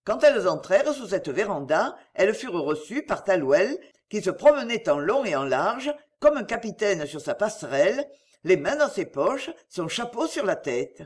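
A woman narrating a classic novel as an audiobook, in an expressive storytelling manner. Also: mid-range voice, normal speed, slightly rough.

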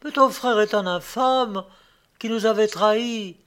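An icy, commanding young noblewoman from an audiobook, hushed and measured, her voice pitched somewhat above a man's usual range, as a male reader puts her on. She talks slowly and deliberately, with a cold, controlled edge. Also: clear, resonant tone. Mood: fierce. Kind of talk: audiobook reading.

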